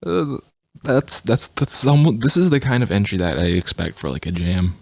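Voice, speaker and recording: Low-voiced man, casual game commentary. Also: sing-song, moderate pace, gravelly, no echo. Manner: stammering, repeats words often. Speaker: game jam reviewer.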